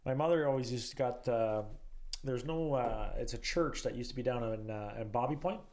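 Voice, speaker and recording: A man from Canada, a podcast guest, talking casually over food with frequent pauses and restarts. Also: medium pitch, a little mellow. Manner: halting, many fillers and restarts.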